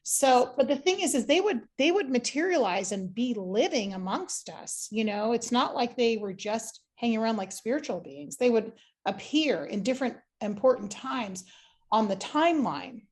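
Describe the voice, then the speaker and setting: A woman's voice: on the high side, lively intonation, moderate pace. A woman psychic giving a reading in casual chat, rambling with lots of "like" and restarts.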